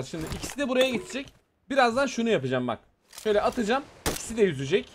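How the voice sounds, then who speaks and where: Male gaming host, high voice, excitable play-by-play, tense muttering in fights. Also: a little hiss or hum. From Turkey. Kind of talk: live gameplay commentary.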